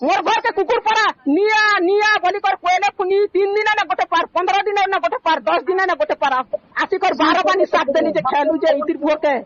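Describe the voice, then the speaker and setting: A woman with a Sambalpuri accent from western Odisha argues heatedly on a recorded phone call about a family dispute, insistently scolding, accusing and repeating her phrases. Her voice is very high-pitched and steady in tone, and she talks at a quick pace. A little hiss or hum sits under the audio.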